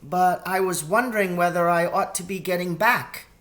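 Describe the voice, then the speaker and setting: A man's voice: sits high, moderate pace, a bit bright, pitched above the performer's own voice. A man voicing a polite, puzzled, innocent little girl in a storybook reading. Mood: polite, hesitant.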